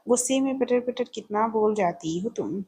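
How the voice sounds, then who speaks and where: A woman voicing a gentle, patient young married woman who likes to tease her friend. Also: on the high side, animated, normal speed, slightly rough. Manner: gentle, teasing.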